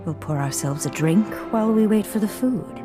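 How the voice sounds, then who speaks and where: An actress voices a poised, refined noblewoman in a game cutscene, coolly flirtatious and formal. Her delivery is animated, at normal speed and mid-range, close to her everyday voice, while music and long hall reverb surround it.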